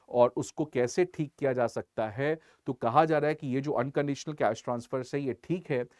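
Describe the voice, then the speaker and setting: A man's voice: medium pitch, darkish tone, no room sound, clean studio sound. A man teaching an exam-prep lecture in Hindi mixed with English in an Indian accent. He drives his points home with rhetorical questions.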